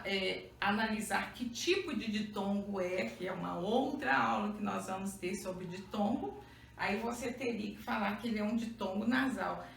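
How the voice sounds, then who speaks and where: A woman's voice: mid-range voice, gravelly. A Brazilian woman teaching a Portuguese grammar lesson. She checks often that the class follows and counts letters out one by one. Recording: roomy echo, mic far off, faint hum.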